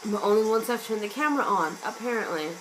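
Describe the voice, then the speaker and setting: Hoarse woman chatting over loud rain sounds. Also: mid-range voice, expressive, fast, a little hiss or hum, rough recording. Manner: chatty, meandering, self-mocking. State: losing her voice, hoarse. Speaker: vlogger. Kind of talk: casual musing vlog. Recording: loud rain and thunder sounds from an app behind the voice. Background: rain and thunder ambience sounds.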